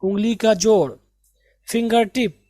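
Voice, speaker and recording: A woman teaching English, slowly drilling each word and its meaning in a patient lesson. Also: on the high side, warm tone, no room sound, studio quality. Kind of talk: slow vocabulary drill lesson.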